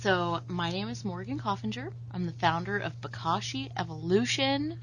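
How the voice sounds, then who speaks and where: A woman's voice: mid-range voice, lively intonation, moderate pace, a bit bright, slight background noise, rough recording. A woman guest on a podcast, chatting playfully and laughing often as she explains her compost business. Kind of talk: casual podcast chat. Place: studio.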